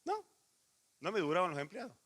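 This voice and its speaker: A middle-aged man with a Rioplatense Spanish accent preaching a sermon, moving from lively anecdotes to hushed, earnest appeals. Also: high voice, brisk, husky. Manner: animated storytelling with laughs, then quiet intimate pleading. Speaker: pastor.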